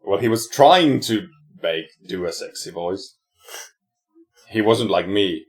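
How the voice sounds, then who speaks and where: A Finnish-accented co-host speaks slowly, with a fairly low voice. He tells rambling stories and laughs often between lines. The chat is loose and informal. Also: expressive, faint music behind. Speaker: podcast co-host. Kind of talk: casual podcast storytelling.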